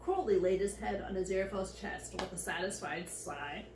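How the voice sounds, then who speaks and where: A woman's voice: mid-range voice, normal speed. A tipsy, slightly drunk woman reading a story aloud as an amateur, effusive and giggly, stumbling over her words and adding gushing asides. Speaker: fan fiction reader. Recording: echoey room with faint background noise.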